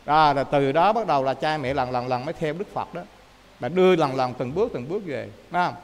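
A man with a Southern Vietnamese accent, a Buddhist monk giving a lively dharma talk that often checks in with his listeners. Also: on the high side, quick pace, in a large hall. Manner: lively storyteller, often asks listeners to confirm.

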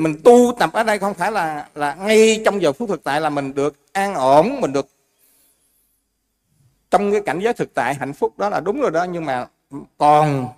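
High-voiced man teaching. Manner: explains with everyday examples, asks the audience questions. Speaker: Buddhist monk teacher. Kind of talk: dharma talk.

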